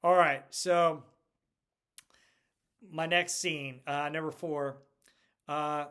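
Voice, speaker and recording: A man's voice: on the high side, fairly even intonation, extremely slow, a bit bright, smooth. A middle-aged man hosting a casual pop culture video, chatty and rambling, laughing often as he talks. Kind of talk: casual movie retrospective talk.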